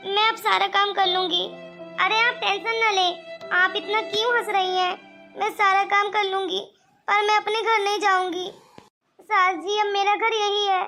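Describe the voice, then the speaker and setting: A gentle young daughter-in-law in a cartoon story, voiced by a woman. She pleads and reassures in an earnest way, her voice very high and bright. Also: level tone, measured pace, soft background music, full character voice. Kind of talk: cartoon voice acting.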